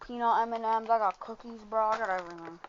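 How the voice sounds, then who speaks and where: A woman's voice: a little high, slight background noise. Swearing, rambling woman podcast host. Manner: swearing, rambling, quick asides. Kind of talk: casual podcast chat. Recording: dull lo-fi sound.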